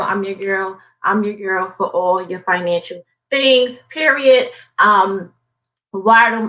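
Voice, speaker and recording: A woman's voice: mid-range voice, pushed and bright, low-quality recording. A woman with a Southern US accent, a financial coach chatting casually on a live stream, upbeat and repeating herself for motivation. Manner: upbeat, repetitive motivational talk.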